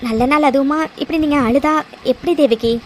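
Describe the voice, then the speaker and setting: A woman voicing a kind, concerned friend in a cartoon, gently sympathetic in her questions. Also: sits high, a little fast, heavy background noise, close to an everyday voice. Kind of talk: cartoon dubbing. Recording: clear background music.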